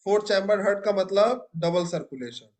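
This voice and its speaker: A man's voice: high-pitched, normal speed. A young man teaching a biology class, asking students questions and praising their answers. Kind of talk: classroom lecture.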